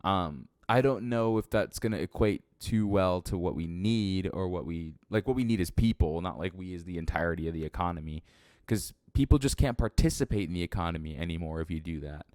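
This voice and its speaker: A man with a low, darkish voice speaks briskly in a clean, echo-free studio recording made in a sparsely furnished room. Apparently a first-time solo podcaster or vlogger, he rambles casually and unscripted, blunt and self-deprecating, swearing often.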